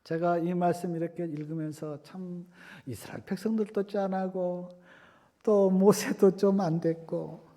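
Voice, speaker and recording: Male pastor, high voice, emphatic sermon delivery with rhetorical questions, recorded in a reverberant church hall. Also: steady tone, unhurried, mellow. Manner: emphatic, repeats key words, rhetorical questions.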